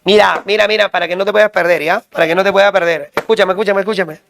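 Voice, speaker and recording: A male teacher drilling students with quick questions and repeated call-and-response prompts. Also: high voice, steady tone, creaky, a bit bright, slight background noise. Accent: Peruvian Spanish. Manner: quizzing, repetitive call-and-response.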